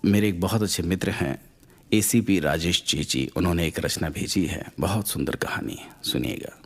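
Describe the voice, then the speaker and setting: Deep-voiced man telling a story. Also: normal speed. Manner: expressive, lifts pitch for characters' lines. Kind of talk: story narration with voiced quotes.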